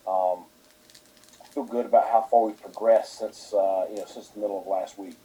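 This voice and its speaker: Husky, dark-voiced football coach. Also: male voice, lowish voice, fairly even intonation, poor audio. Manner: halting, heavy with fillers. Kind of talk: press conference answers.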